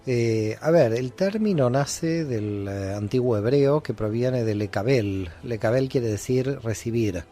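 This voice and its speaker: Mellow-voiced male scholar explaining. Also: medium pitch, a little slow, few pauses. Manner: didactic, many hesitations. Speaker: guest scholar. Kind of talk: explanatory interview answers.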